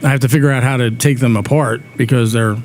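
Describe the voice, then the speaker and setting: A man's voice: medium pitch, fairly even intonation, fast talker. Earnest man explaining his community work. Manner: earnest and explanatory, repeating words as he thinks. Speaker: guest, director of a community aid center. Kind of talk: interview talk show. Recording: faint background noise.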